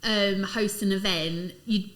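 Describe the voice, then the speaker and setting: Bright-voiced woman in chat. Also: medium pitch, fairly even intonation, slow pace, rough recording. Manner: reflective, chatty, many fillers. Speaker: podcast guest. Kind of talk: casual chat.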